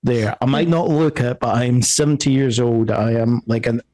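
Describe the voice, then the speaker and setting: A man's voice: mid-range voice, steady tone, dark tone, no echo, natural voice, low-quality recording. A man doing a grumpy seventy-year-old dad. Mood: grumbling. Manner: slow, hesitant, full of fillers.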